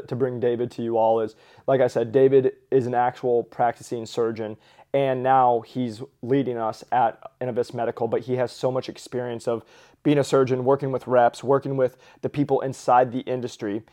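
A man's voice: medium pitch, mellow. A man hosting a podcast in casual talk, pronouncing his r sounds like w. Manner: says w for r. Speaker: podcast host.

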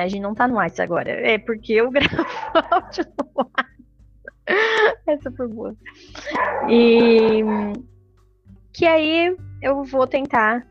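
A woman's voice: mid-range voice, dull audio. A woman hosting a solo podcast, talking in a casual, reflective way with many fillers. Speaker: podcast host.

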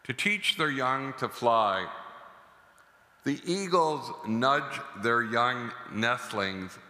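Forceful priest in a cathedral-like echo. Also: male voice, mid-range voice, lively intonation. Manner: deliberate, measured, solemn proclamation with pauses. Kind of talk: scripture reading and homily. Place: large church interior. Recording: echoey church with long cathedral-like reverb.

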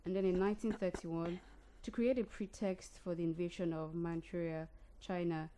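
A woman hosting a casual talk show, reading historical dates and then discussing them in a relaxed way. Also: fairly low pitch, moderate pace, a little hiss or hum. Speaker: host. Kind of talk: casual radio history chat.

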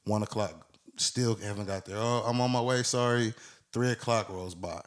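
A man in his twenties, a podcast co-host, telling a long story in a casual, animated way and acting out the people in it. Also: fairly low pitch, normal speed.

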